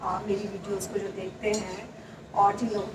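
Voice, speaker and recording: A soft-spoken woman in her thirties chatting casually and confidingly to her viewers in a home vlog. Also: mid-range voice, flat delivery, moderate pace. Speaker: vlogger. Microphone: clip-on mic, often away from it. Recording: roomy, distant, noisy home recording. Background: machine running on the gas stove.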